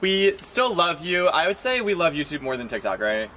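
A man in his twenties with a fairly high voice chats casually as a host. He is recorded outdoors on a deck, with clear insect noise around him. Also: sing-song, normal speed, sharp tone. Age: 20s. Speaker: host, grandson helping his grandmother with social media. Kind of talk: casual chat, reading out comments.

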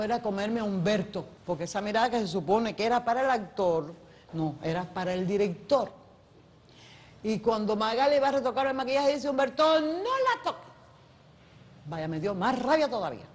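A woman, an actress, telling a story in a documentary interview, acting out other people's lines as she goes. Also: mid-range voice. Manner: lively storyteller who acts out others' voices. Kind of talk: animated anecdote telling.

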